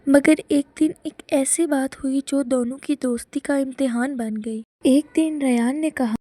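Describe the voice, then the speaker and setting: A woman narrating a moral story for children in a calm storybook manner. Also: high-pitched, dry recording. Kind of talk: scripted narration of a moral tale.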